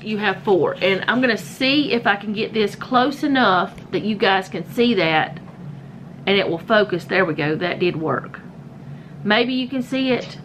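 A woman's voice: medium pitch, a bit bright, a little hiss or hum, rough recording. Chatty woman showing her home. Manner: chatty, rambling, self-correcting. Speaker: home vlogger. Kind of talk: casual show-and-tell vlog. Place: home, indoors.

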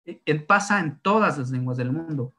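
A linguist whose first language is Zapotec explains a writing system, thinking aloud with fillers and frequent tag questions. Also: male voice, on the high side, lively intonation, moderate pace, pushed and bright. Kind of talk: explanatory talk on writing tones.

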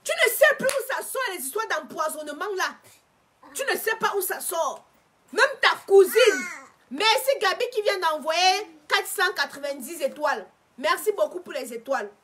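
A woman from Cameroon with a Cameroonian French accent, talking in a casual live stream from home, animated and emphatic, repeating herself for force. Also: extremely high pitch, normal speed. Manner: animated, emphatic, repetitive lecturing.

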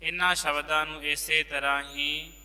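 A man's voice: flat delivery, sharp tone, clean tone. Man chanting scripture in a hall. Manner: sings verses slowly, then quickly explains pronunciation in a low aside. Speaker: scripture recitation teacher. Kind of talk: chanted scripture recitation lesson. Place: large temple hall. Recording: long reverb of a large hall.

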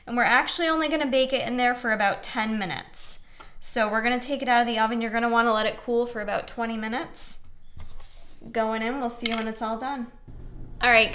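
A young woman with a sharp, rather high voice runs a casual cooking show from her home kitchen. She chats encouragingly to viewers while mixing and cutting, and there is slight background noise.

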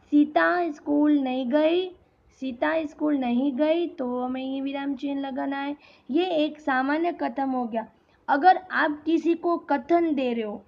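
A woman school teacher giving a classroom lesson, speaking slowly and deliberately and repeating example sentences. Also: high-pitched. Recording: dull lo-fi audio.

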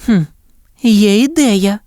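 A woman's voice: mid-range voice, slow, mellow, dry recording, clean studio sound, voice pushed up, natural voice. A woman voicing a kind, capable mother dalmatian in a storybook reading, instructing her puppies. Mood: instructive. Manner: instructive, encouraging.

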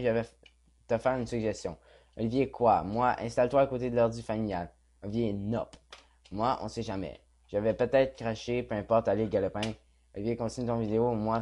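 A man's voice: mid-range voice, darkish tone. A young man with a Quebec French accent casually reads a chat log aloud as a gaming vlogger, mumbling and swearing offhand.

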